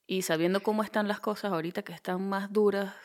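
A woman interviewing a guest, asking animated questions and often murmuring agreement. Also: mid-range voice, fast talker. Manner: animated, questioning, frequent backchannels.

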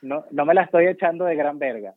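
A man's voice: on the high side, a little fast, dry recording. Male guest doctor, Venezuelan accent, chatty and self-mocking, thin phone-line audio. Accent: Venezuelan Spanish. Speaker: guest doctor working abroad. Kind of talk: casual interview chat. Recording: tinny dry phone line.

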